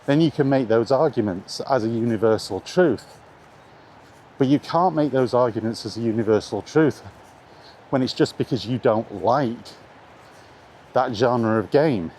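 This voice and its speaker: This middle-aged man talks in an unhurried, mid-range voice with a slightly mellow quality and long pauses. As a video blogger strolling outside in the rain, he delivers an offhand, blunt monologue on retro games, hammering his points through repetition. Outdoor ambient noise makes the recording noisy.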